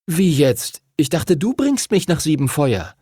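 A man's voice: a little high, big pitch swings, measured pace, dark tone, slightly rough, no echo, clean studio sound, pitched above the performer's own voice, full character voice. A man voicing a startled, unsure boy in an audiobook, speaking hesitantly. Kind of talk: audiobook character voice.

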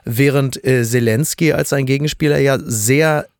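A man's voice: mid-range voice, moderate pace, no room sound, studio quality. A man co-hosting a podcast in casual banter, rambling and hesitant with many fillers. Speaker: podcast co-host.

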